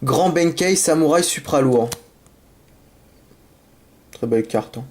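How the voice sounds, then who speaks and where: Taking it slowly in a fairly high voice, a man with a cold-roughened sore throat narrates opening card packs. His casual, homemade commentary drifts through rambling apologies before he gets excited about the cards, captured on the camera mic.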